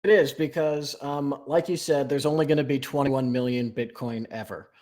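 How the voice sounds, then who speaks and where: A male podcast guest who explains his points at length in a steady, measured way. His speech is dotted with "um" and "you know", and his voice sits at a middle pitch. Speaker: guest, newsletter writer. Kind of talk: explanatory interview talk.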